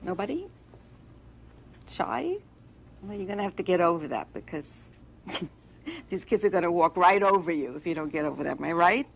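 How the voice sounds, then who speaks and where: An upbeat workshop leader with a lowish voice. She coaxes the group along with steady cheer. A faint hiss sits under the dialogue. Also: normal speed, creaky, pauses often. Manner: upbeat, coaxing. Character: upbeat woman leading a workshop, coaxing.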